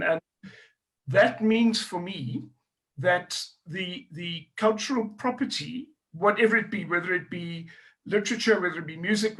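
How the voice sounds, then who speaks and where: A middle-aged historian from South Africa, speaking South African English in a higher-pitched, a bit bright voice, earnestly works through his ideas as a panel discussion guest. He thinks aloud, restarting phrases and circling back to his point. The recording is low quality.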